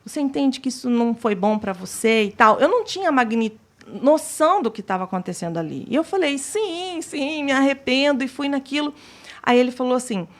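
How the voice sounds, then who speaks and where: A woman's voice: fairly high pitch, very animated, fairly quick. A woman telling her personal testimony as an interview guest, acting out the dialogue she recalls. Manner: retells scenes by acting out quoted dialogue.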